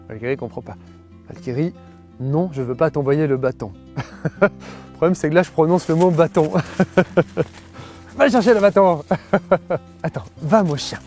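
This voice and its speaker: A man's voice: on the high side, measured pace, long pauses, darkish tone, soft background music. A man giving a self-help lesson outdoors, chatty and often laughing as he plays with his dog. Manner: chatty and laughing, explains steadily. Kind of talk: coaching lesson mixed with playing with his dog.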